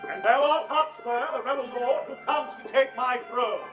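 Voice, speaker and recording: A hammy Shakespearean actor in a radio drama, declaiming in a very high voice. Music plays clearly behind him in an echoey room. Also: male voice, normal speed, a bit bright, highs cut off. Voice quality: theatrical, declaiming.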